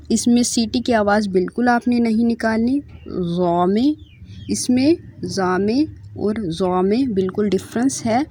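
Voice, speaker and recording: A woman gives a slow, patient lesson on letter sounds. She voices each letter several times in a drawn-out way, then explains how to shape it in plain, steady speech. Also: mid-range voice. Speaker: Quran reading teacher.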